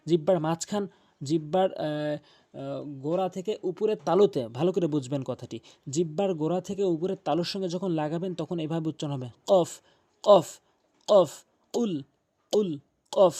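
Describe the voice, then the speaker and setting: A man with a Bangladeshi Bengali accent walks through the sounds of each letter, stretching and repeating them with frequent pauses. His voice sits a little high for a man, yet its tone is mellow and soft rather than bright. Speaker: Quran reading teacher. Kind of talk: step-by-step pronunciation lesson.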